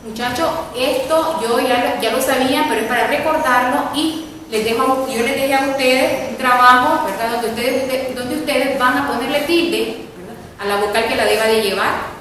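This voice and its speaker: A female teacher gives a spelling lesson, repeating points and often checking in with the class by asking "¿verdad?". Her voice sits high and a bit bright at a moderate pace. The mic is far off in an echoey room, with slight background noise.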